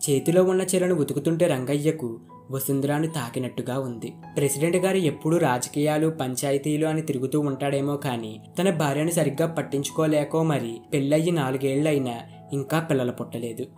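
Man reading a story, warm mellow tone, soft guitar music in the background. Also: on the high side, brisk. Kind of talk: scripted story narration. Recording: narration over faint guitar music. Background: faint guitar music.

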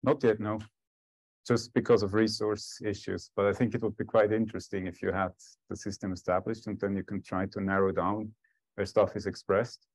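A man's voice: on the low side, little pitch movement, moderate pace. A man giving a technical talk and answering questions as a scientist at a conference. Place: conference lecture room.

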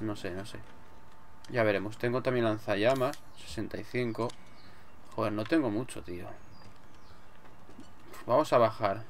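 This let's player speaks with a Spanish accent in a mid-range voice, cursing casually and muttering to himself over his gameplay. Game music plays in the background, and there's a slight hiss or hum on the recording.

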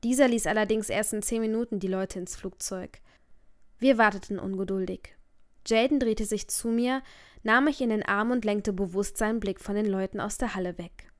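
A woman's voice: mid-range voice, normal speed. A woman narrating a first-person audiobook in an emotive storytelling manner.

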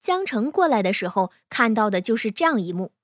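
A woman reading fan fiction aloud in a smooth, even storytelling manner. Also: fairly high pitch, a little fast, dry recording, clean studio sound.

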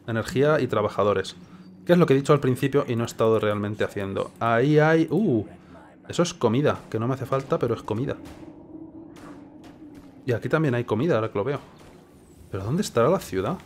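Animated and fast, a man with a mid-range voice delivers casual gameplay commentary in Castilian Spanish, pondering and questioning himself as he goes. He hosts a gaming video, and a little background noise can be heard.

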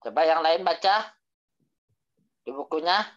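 A male teacher leads an online Arabic class, speaking slowly and deliberately. He drills word forms and echoes each student's answer back with corrections. The video call audio is dull and lo-fi. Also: a little high, a bit bright. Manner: mixes Arabic phrases into Indonesian explanations.

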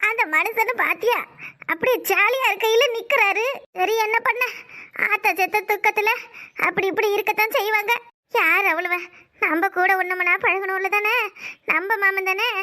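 A woman's voice: extremely high pitch, moderate pace, pushed and bright. A woman voicing a scheming village woman in a cartoon, who wails in mock grief and gossips slyly. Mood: sly, mock grieving. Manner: wailing, gossipy, sly. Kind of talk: Tamil cartoon voice acting.

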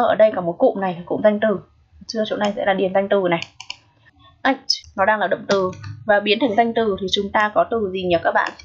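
A woman's voice: medium pitch, breathy edge, highs cut off. A woman English teacher, patiently walking students through an exam review and checking in with frequent rhetorical questions.

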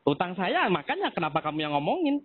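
A man's voice: high-pitched, huge pitch swings, quick pace, crowd noise. A man arguing on a phone call with a debt collector, mocking and lecturing her. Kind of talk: recorded phone argument. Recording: tinny phone line.

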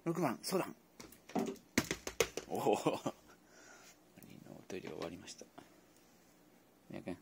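A man's voice: low-pitched, sing-song, unhurried, vocal fry, long pauses, very noisy. A man casually chatting to his pet dogs at home, playful and coaxing as he goes. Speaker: vlogger predicting a horse race with his dogs. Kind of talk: casual chat to pets.

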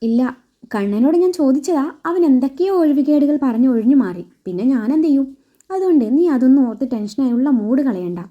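A woman's voice: high voice, animated, fairly quick, lo-fi sound. A woman voicing a young doctor husband who speaks in a dry, teasing way.

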